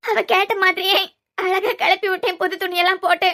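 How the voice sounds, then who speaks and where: A woman's voice: very high-pitched, steady tone, brisk, sharp tone. A woman voicing a frightened young mother in a cartoon serial, pleading and tearful, with a Kanyakumari Tamil accent.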